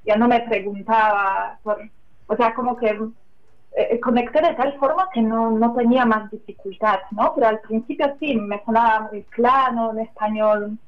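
A woman answers interview questions in a casual, hesitant way, often pausing and adding little tag questions. Her voice sits a bit high. The audio is dull and lo-fi, as if it came over a remote line. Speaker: translator, interview guest.

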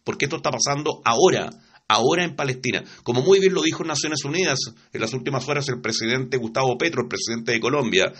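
Brief: Chilean male host, reflective and halting, raspy edge to a bright voice. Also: mid-range voice. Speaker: radio host. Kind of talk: radio interview.

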